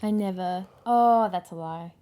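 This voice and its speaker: A young woman with a mid-range voice and measured pace casually tells her partner a personal story. She sounds hesitant, using many fillers and restarts, while soft music plays in the background.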